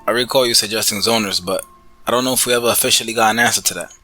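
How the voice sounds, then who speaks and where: A man from the Bronx, New York, delivers a prepared spoken review he sent in as a podcast listener, articulate and formally worded. His lowish voice is bright and forceful, he talks very fast, and the recording is dry.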